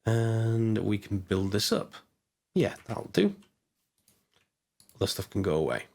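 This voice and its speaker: A man with a hoarse voice, chatting casually as he narrates his gameplay, thinking aloud with lots of fillers. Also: fairly low pitch, big pitch swings, slow, a little mellow. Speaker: gaming channel host. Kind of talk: casual let's-play commentary.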